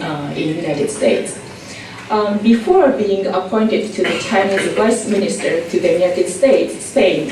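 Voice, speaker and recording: At a conference, a presenter from Japan delivers her academic talk in accented English, often filling pauses with ums and uhs. She has a warm voice on the low side, and the recording from a distant mic in the echoey room carries slight background noise.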